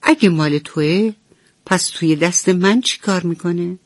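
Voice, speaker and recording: A woman's voice: fairly low pitch, no echo, studio quality, natural voice. A woman voicing a stubborn, brusque grown-up lady rabbit in a radio bedtime story. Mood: bossy. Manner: brusque, bossy.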